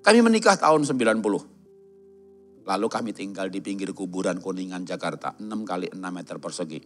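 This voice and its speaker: A man's voice: deep voice, lively intonation, fast talker, a bit bright, faint music behind. A middle-aged man with a voice, preaching a sermon in a church, telling stories and jokes and acting out the quoted voices. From Java. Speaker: pastor. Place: large church hall.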